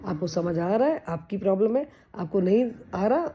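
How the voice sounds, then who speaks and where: Mellow-voiced woman giving chatty advice. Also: mid-range voice, lively intonation, normal speed, breathy edge. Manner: earnest, chatty, mixes English phrases into speech. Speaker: vlogger. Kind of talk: casual motivational talk to camera.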